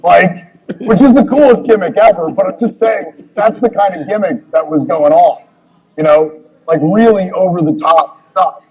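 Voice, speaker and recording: A man's voice: high-pitched, normal speed, slightly rough, muffled recording. A man, a guest wrestler in a casual interview, rambling through a road story with many fillers and acted-out dialogue.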